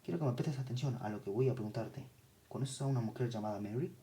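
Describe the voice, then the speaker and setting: Audiobook: steady male hypnotist, voiced by the narrator, gentle and measured, very dark tone. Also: medium pitch, lightly acted. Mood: calm probing. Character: calm male hypnotist questioning a patient.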